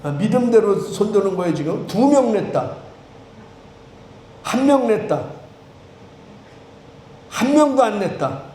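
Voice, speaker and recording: A male priest preaching a sermon in a conversational, joking manner, teasing the congregation with sudden swings between loud and soft. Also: high-pitched, very animated, measured pace, long pauses. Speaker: Anglican priest. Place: church sanctuary. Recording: echoey church with faint room noise.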